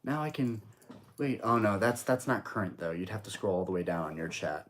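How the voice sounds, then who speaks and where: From his home, a young streamer from the United States runs a laid-back broadcast for his card-collecting channel, talking in a rambling, chatty way full of fillers and false starts. His voice is on the low side and fairly quick, with a faint hiss or hum.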